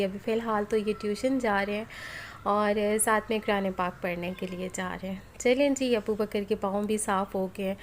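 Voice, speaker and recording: Speaking at a medium pitch, this cooking vlogger from Pakistan, in her thirties, narrates a home cooking voice-over while her throat is sore and strained from flu. She is chatty and homely, talking straight to her viewers over faint street and household sounds.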